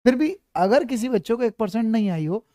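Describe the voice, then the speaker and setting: Mellow-voiced man teaching grammar. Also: extremely high pitch, expressive, fairly quick, no room sound, studio quality. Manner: repeats points, keeps checking if students follow; calls students "beta", reassuring. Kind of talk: online class lecture.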